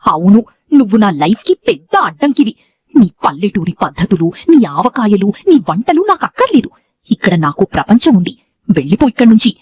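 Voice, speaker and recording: A woman voicing an arrogant, cruel middle-aged husband in a storybook drama, shouting with contempt. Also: medium pitch, very animated, brisk, husky, pitched above the performer's own voice. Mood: contemptuous.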